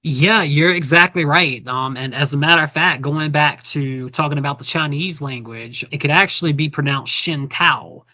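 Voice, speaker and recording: A man's voice: on the high side, moderate pace, few pauses, bright, forceful tone, no echo. A man who is a podcast guest, talking in an easygoing, informative way with light humor. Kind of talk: casual podcast chat.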